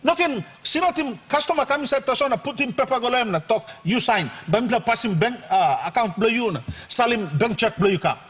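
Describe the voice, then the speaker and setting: A Papua New Guinean man speaks off the cuff as a parliamentarian. His voice is high and husky, and it rings with the long reverb of a hall. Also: animated, brisk, few pauses, a bit bright. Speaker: member of parliament. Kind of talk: impromptu parliamentary speech mixing English and Tok Pisin.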